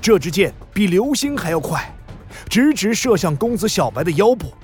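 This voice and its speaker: Expressive man telling a children's story. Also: sits high, moderate pace, music in the background. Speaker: narrator.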